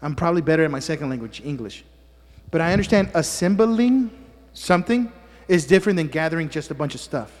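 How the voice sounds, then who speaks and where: A slightly high voice with a darkish tone, brisk and full of lively intonation, rings out with big-room sound in a church sanctuary. The speaker is a pastor and native Spanish speaker, teasing his congregation with joking asides and frequently asking "amen?"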